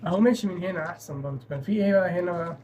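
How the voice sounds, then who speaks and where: A young man with an Egyptian Arabic accent hosts a gaming channel, giving chatty, nervous commentary while playing a horror game and often apologizing to the on-screen characters. His voice sits high with a darkish tone, he talks at a racing speed, and there's a little hiss or hum.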